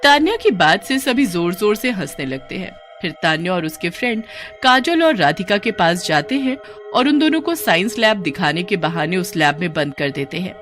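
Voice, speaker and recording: A woman giving scripted storytelling narration for a cartoon, in an even delivery. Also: on the low side, normal speed, soft background music.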